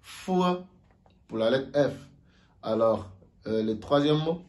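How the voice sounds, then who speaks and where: A man giving a casual video lesson on Mandarin sounds, slowly repeating each sound aloud for learners. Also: lowish voice, a little mellow. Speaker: Mandarin teacher.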